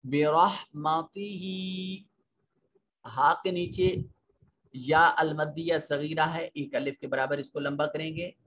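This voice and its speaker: A man with a Pakistani Urdu accent teaching a recorded Quran lesson, patiently explaining tajweed rules and slowly reciting verses. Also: on the high side, steady tone, fairly bright tone, a little hiss or hum.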